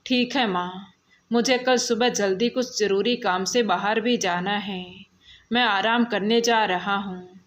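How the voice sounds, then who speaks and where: A kind, protective young man, as a woman storyteller puts him on, asking concerned questions. The voice stays slow and even, like a storybook read. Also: mid-range voice, lightly acted. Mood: caring.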